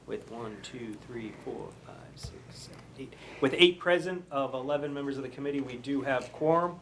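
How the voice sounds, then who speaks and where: A man's voice: mid-range voice, moderate pace, a bit bright. A man leads a committee meeting in a municipal room, taking the roll and moving through procedure. He speaks with frequent hesitations and fillers, easing the formality with small jokes. A light hiss of background noise sits under the voice. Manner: hesitant, many fillers, joking asides. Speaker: committee clerk chairing the meeting.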